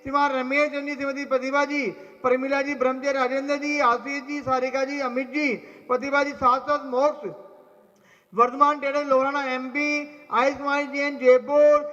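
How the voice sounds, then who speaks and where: A man's voice: very high voice, little pitch movement, normal speed, pushed and bright. A man announcing at a temple ritual, rattling off a long list of donor names and blessings. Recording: echoey temple hall, dull lo-fi sound.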